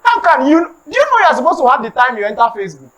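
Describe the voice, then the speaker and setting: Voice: high-pitched, very fast, low-quality recording. A preacher with a Nigerian accent who gives a sermon-style talk on time management, mixes in Pidgin, acts out comic street scenes and has the congregation repeat lines. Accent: Nigerian English with Pidgin. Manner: animated, acts out comic street scenes, calls for audience response. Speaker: preacher giving a motivational talk.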